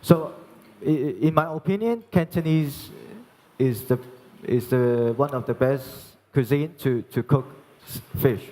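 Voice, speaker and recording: A young man from Hong Kong, working as a chef, giving a live cooking demonstration and explaining each step in a halting way with many restarts. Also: mid-range voice, warm tone. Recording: long reverb in a large hall.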